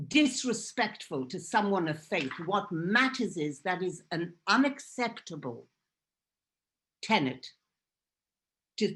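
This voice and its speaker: A guest speaker from Israel, a native Hebrew speaker, shares a personal talk in a fairly bright, medium-pitched voice. She speaks earnestly and forcefully, using repetition to add weight.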